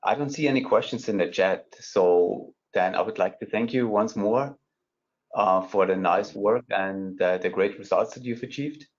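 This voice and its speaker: A man's voice: lowish voice, moderate pace. A man moderating an online technical panel, politely thanking the presenters and steering the agenda. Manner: polite, wraps things up with thanks. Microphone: video call. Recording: slightly muffled call audio.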